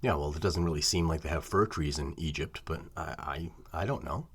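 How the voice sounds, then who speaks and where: A man's voice: very deep voice, a little fast, slightly rough. A man co-hosting a podcast, bantering and teasing in easygoing casual chat. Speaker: podcast co-host.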